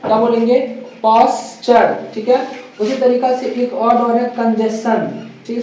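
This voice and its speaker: A woman's voice: fairly high pitch, a little mellow. A woman English teacher giving a spoken pronunciation lesson, repeating each word and asking the viewer to say it back, with English phrases mixed into her explanation. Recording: echoey room, distant mic, faint hiss.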